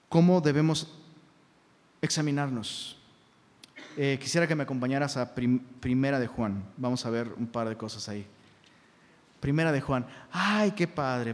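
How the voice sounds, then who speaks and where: Slangy Mexican pastor preaching in reverb. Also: male voice, mid-range voice, a little mellow. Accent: Mexican Spanish. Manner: casual, slangy preaching, mimics objectors' voices. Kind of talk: sermon.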